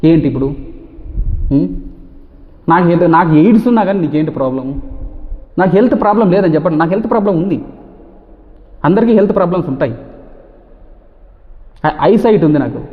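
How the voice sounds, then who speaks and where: A man vlogging to camera, talking fast and forcefully and firing off repeated rhetorical questions. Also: a little high. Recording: tinny phone-like sound with long reverb.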